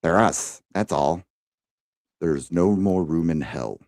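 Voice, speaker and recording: Podcaster putting on a grim man under siege, low and slow, dry close sound. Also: expressive, a little mellow, no echo, exaggerated voice. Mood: grave. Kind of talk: dramatic reading of film lines.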